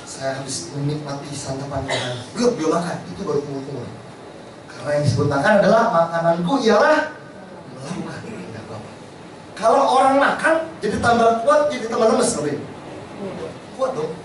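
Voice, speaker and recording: A male pastor delivers a sermon, his voice sitting high for a man. He speaks in a lively, storytelling way. The recording is roomy and distant, with clear background noise. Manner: lively storytelling, addresses congregation as Bapak Ibu. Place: large church hall. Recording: echoey hall, distant mic, background noise.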